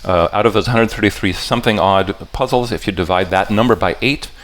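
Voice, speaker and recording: With a fairly low, slightly bright voice, a man explains puzzle patterns to a live audience. He keeps halting to restart and rephrase his sentences, and he speaks straight to the listeners with questions checking that they follow.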